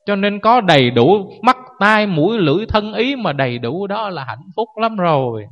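A man's voice: sits high, big pitch swings, normal speed. A man, a Buddhist monk giving a sermon, who keeps questioning his listeners and acts out people wailing. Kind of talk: dharma sermon. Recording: echoey hall, dull lo-fi sound.

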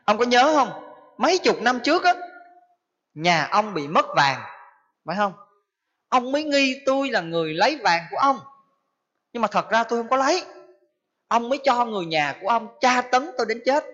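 A man's voice: very high-pitched, big pitch swings, moderate pace, long pauses, fairly bright tone, exaggerated voice. A man voicing a wrongly accused son who recounts his grievance accusingly, on a dull lo-fi recording.

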